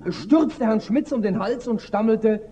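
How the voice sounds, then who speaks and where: A man's voice: sits high, unhurried, warm tone. An actor playing a timid young male teacher with a hangover in a stage comedy, hesitant and mild. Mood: hesitant telling. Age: young adult. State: hungover. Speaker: junior teacher. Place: theater stage.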